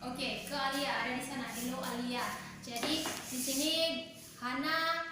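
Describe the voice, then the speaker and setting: A woman's voice: high-pitched, fairly even intonation, measured pace. A woman with an Indonesian accent teaching English in a classroom, switching between Indonesian and English and asking questions and praising students. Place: empty classroom. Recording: very echoey room, faint noise.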